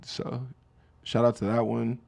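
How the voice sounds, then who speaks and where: A man hosting a comedic podcast, riffing on lyrics with animated energy. His voice has a gravelly, fry-edged texture at a middling pitch. He drifts between low mutters and loud bursts. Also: unhurried. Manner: animated, riffing, mock-voices quoted lines. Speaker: podcast host. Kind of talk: comedic solo podcast chat.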